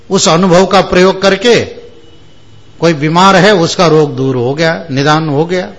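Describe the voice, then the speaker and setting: A man giving a spiritual discourse at an unhurried, deliberate pace. His voice sits a little high for a man. He explains scripture word by word and keeps checking that his listeners follow. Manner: explains verses word by word, asks listeners "haan?". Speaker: religious discourse speaker. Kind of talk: Hindi spiritual discourse with chanted Sanskrit verses.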